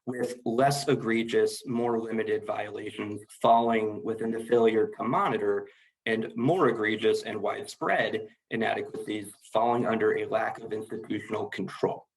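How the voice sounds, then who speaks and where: A man's voice: on the low side, steady tone, moderate pace, a little hiss or hum, low-quality recording. Formal man presenting corporate training. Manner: formal, methodical. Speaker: webinar presenter on compliance. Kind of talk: corporate training webinar, slide-led explanation.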